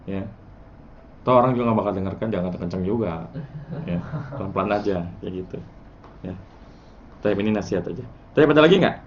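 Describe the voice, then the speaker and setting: A man teaching a casual class, quizzing his students and chanting word patterns in a relaxed, chatty way. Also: on the low side, brisk, long pauses, dull audio, slight background noise. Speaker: Arabic morphology teacher.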